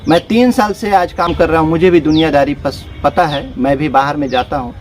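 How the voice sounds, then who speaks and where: A man voicing an earnest young man who insists he will marry, speaking fast and plainly in his own storytelling voice. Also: fairly high pitch, slight background noise, natural voice. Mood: insistent.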